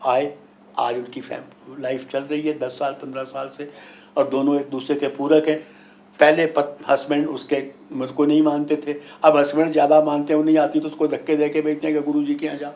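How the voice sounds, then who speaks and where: Male spiritual teacher, slightly high voice, explaining and storytelling emphatically, repeating points for effect. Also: completely flat delivery, a little fast, darkish tone. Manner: emphatic, didactic, rhetorical questions and repetition. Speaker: guru and astrologer being interviewed. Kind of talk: spiritual discourse with anecdotes and explanations.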